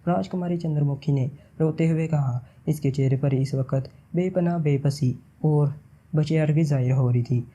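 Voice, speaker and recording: Male audiobook narrator, very mellow dark tone, fairly high pitch, measured reading. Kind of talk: scripted novel narration.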